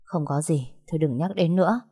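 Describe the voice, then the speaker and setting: A woman voicing a worn-out, heartbroken young woman who pleads quietly in a storybook reading. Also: low voice, brisk, breathy edge, no room sound, studio quality. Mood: pleading.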